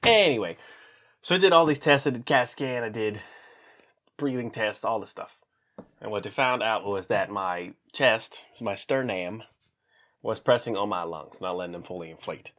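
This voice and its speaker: A man in his thirties telling a personal story to camera in a casual, animated way, acting out what people said. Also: moderate pace. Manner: animated, acts out quotes with big pitch jumps. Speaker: vlogger.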